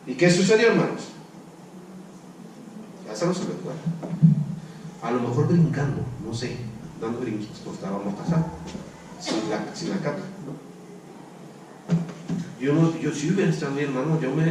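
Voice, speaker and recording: A man's voice: fairly high pitch, darkish tone, a little hiss or hum. A man preaching a sermon as a church elder, talking conversationally and asking and answering his own rhetorical questions. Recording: echoey church hall, mic at a distance.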